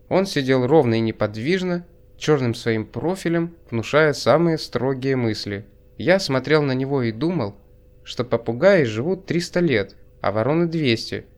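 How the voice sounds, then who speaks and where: Бриф: мужчина-чтец, ровное литературное повествование с иронией, голос средней высоты. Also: male voice, mid-range voice. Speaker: audiobook narrator. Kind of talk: scripted narration.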